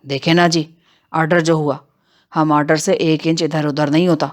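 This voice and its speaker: Woman reader doing a mocking bandit chief, lowered rough voice, rustic and boastful, for an audio novel. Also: level tone, natural voice. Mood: menacing. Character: swaggering male bandit, bearded, menacing.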